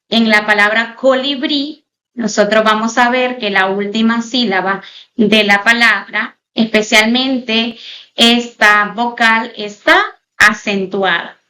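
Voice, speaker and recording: A woman's voice: fairly high pitch, pushed and bright. A woman teacher giving a recorded online lesson, speaking formally and explaining points step by step to her students. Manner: pauses to spell out example words slowly. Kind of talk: recorded online class lecture.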